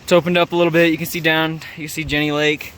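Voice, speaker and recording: A man casually narrating a rainy mountain hike outdoors, relaxed and chatty with a few fillers. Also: fairly high pitch, racing, smooth. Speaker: hiking vlogger.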